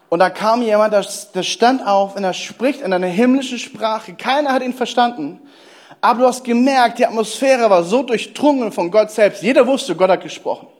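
A man preaching a lively sermon, telling stories and speaking straight to his listeners. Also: high-pitched. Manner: lively storytelling preacher, addresses listeners directly. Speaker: pastor.

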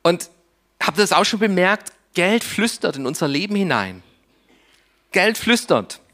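A man preaching a sermon, speaking in short, deliberate phrases with long pauses, often dropping to a soft, low voice for emphasis. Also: sing-song.

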